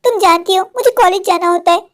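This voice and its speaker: A woman's voice: very high-pitched, fast talker. A woman voicing a stubborn modern college girl in a cartoon, pleading and arguing with her mother. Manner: pleading, argumentative, repeats "maa". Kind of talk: Hindi cartoon voice acting.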